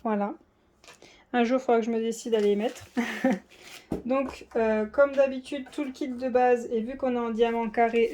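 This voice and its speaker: A woman's voice: fairly high pitch, dark tone, a little hiss or hum. A woman chatting casually through an unboxing, full of fillers and self-deprecating asides. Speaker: diamond painting vlogger.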